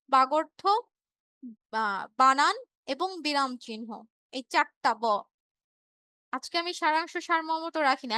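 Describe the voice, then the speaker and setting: Bright high-voiced woman teaching online. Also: no echo. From Bangladesh. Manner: explains patiently, repeats key words, checks on students. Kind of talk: online revision class.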